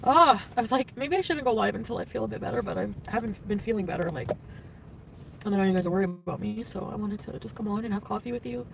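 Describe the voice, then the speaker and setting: A woman's voice: mid-range voice, quick pace, gravelly, noisy background. A woman chatting casually with her livestream viewers, tearful and emotional after crying, greeting people by name. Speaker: livestream vlogger. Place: in a car, driving.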